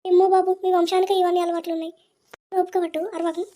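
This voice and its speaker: A coy, flirty village woman, played by a woman in a cartoon, her voice pushed far up into squeals. She protests quickly and playfully. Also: very high-pitched, flat delivery, dark tone, voice pushed up. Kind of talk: cartoon voice acting.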